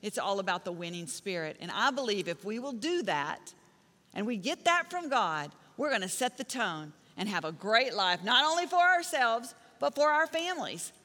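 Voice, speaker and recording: A woman's voice: fairly high pitch, big pitch swings, moderate pace, sharp tone. A middle-aged woman pastor preaching a sermon, telling stories with emphatic, punchy repeated phrases. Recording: long reverb of a large hall.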